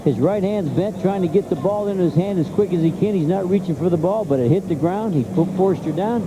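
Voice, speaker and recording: High-pitched male football color commentator. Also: brisk. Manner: conversational, emphatic, repeats himself. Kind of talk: live football analysis. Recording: noisy stadium broadcast. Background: stadium noise.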